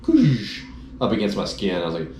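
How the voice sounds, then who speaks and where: A man with a fairly low voice tells a rambling personal story in a relaxed chat, slipping into other people's voices as he quotes them. He is in a roomy, echoey space with a faint hiss underneath. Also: moderate pace. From Dallas-Fort Worth area, Texas. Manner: animated storyteller, acts out quoted dialogue. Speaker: motorcycle trip rider telling his story.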